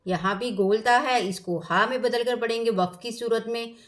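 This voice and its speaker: A woman teaching Quran tajweed, reciting verses slowly and melodically, then explaining each rule in quick, repetitive phrases. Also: a little high. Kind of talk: tajweed lesson alternating slow recitation and explanation.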